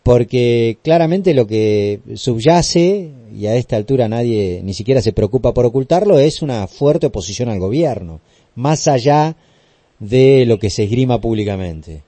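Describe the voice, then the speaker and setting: Argentine radio host guy, mellow dark voice, dry studio sound, chatty with fillers. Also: mid-range voice, animated, normal speed, no room sound. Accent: Argentine Spanish. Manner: conversational, loose with fillers. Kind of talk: radio interview.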